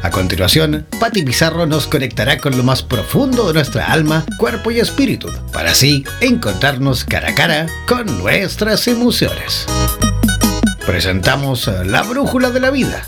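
Radio announcer guy, voice swooping up and down a lot, loud guitar music under him. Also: on the high side, huge pitch swings, normal speed. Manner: dramatic sweeping delivery. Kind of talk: scripted station promo. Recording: station jingle with guitar music.

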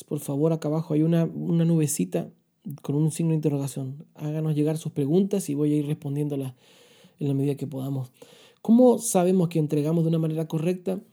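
Earnest, dark-voiced male preacher. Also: a little high. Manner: earnest, confessional, rhetorical questions. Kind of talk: podcast sermon with listener questions.

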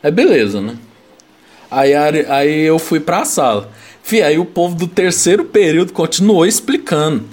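A young man from Brazil tells a story among friends, loose and slangy, with a voice pitched a little above the usual. He keeps stacking fillers and laughs between lines. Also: animated, normal speed, darkish tone. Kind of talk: casual chat.

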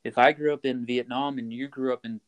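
Male interview guest, mid-range voice, relaxed explainer who restarts his sentences. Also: medium pitch, a little fast. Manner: explains steps plainly, frequent fillers and restarts. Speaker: coffee roaster, guest. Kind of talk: casual interview chat.

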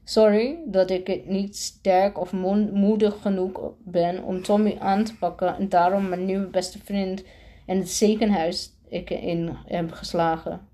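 A woman's voice: mid-range voice, flat delivery, a little slow, warm tone. A woman reading a first-person storybook aloud, with frequent stumbles and self-corrections. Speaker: reader.

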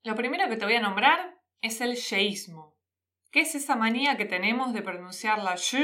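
A woman's voice: a little high, pushed and bright. A woman with a Rioplatense Argentine accent, a podcast host teaching Spanish in a casual, friendly explanatory way, using informal address and local slang. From Argentina, Buenos Aires province.

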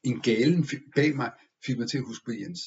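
A man reading a first-person story aloud in a measured, expressive way. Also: mid-range voice, gravelly, muffled recording. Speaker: audiobook narrator. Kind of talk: scripted story narration.

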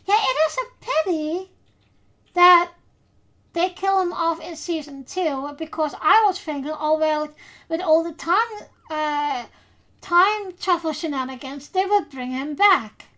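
This Dutch podcast host talks in English with her native accent, her high voice carrying a bright, forceful tone. She moves slowly and without hurry, hesitating frequently and leaning on fillers as she works out what to say.

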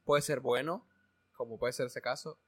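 A man's voice: medium pitch, steady tone, normal speed, slightly rough. A young man in casual chat who jokes and laughs a lot and trips over his own words.

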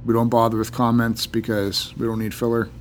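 A man with a mid-pitched voice banters casually on a podcast. He talks in a halting, deadpan way, with a faint laptop fan hum behind him. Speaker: podcast co-host. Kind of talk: casual banter between friends. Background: loud computer fan.

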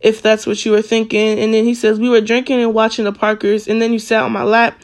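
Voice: mid-range voice, level tone, fast talker. A social media commentator talking casually, reading a string of text messages aloud with frequent fillers and self-corrections.

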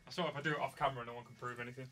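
Bright-voiced lad. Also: male voice, mid-range voice, steady tone, racing, no echo. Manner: laughing, teasing banter. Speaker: podcast host. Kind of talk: casual chat. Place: home room with a cat. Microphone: studio mic with pop shield.

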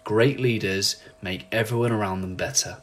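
Man, leadership coach, motivational monologue, animated and ranting, slightly low-pitched. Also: normal speed. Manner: animated, ranting, acts out quotes in lively voices.

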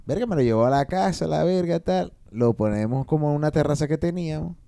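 A man with a Venezuelan accent telling a teenage memory in animated, slangy chat. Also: on the high side, fairly quick, vocal fry, no room sound. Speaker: podcast co-host. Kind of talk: casual storytelling among friends.

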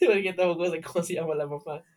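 A man's voice: a little high, fairly even intonation, quick pace, heavy background noise. A man with a Mexican accent, co-hosting a casual chat, joking and swearing as he reads out dating profiles. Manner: joking, swearing, laughs often. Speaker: podcast co-host.

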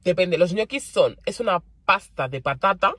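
A young woman with a Spain Spanish accent chats casually to her audience, animated and quick to laugh. She repeats words for emphasis, and her voice is a little breathy. The sound is dry and close. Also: fairly low pitch, no room sound. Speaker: vlogger. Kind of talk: casual chat to camera.

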